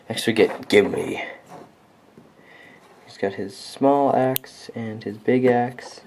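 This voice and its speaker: A man's voice: lowish voice, gravelly, darkish tone, slight background noise. A man casually reviewing a toy set on camera, rambling and enthusiastic with many ums and likes. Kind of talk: casual unscripted product review.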